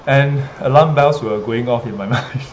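A medium-pitched man with a Singaporean accent, a livestream host and teacher addressing his students, tells a story casually to his viewers. His delivery is hesitant and halting, full of pauses and repetitions. Rain and other ambient noise make the background clearly noisy.

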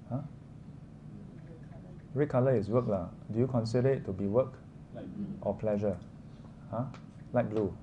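Singaporean or Malaysian man teaching, noisy room. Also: on the low side. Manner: conversational, asks short prompting questions with particles like lah and ah. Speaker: teacher leading a class. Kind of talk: informal interactive lesson. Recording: clearly noisy room ambience.

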